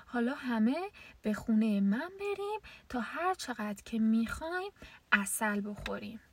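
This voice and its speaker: A woman voicing small, gentle forest animals in a children's story, raising her voice into a lilting pitch. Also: sing-song, distant mic, slight background noise.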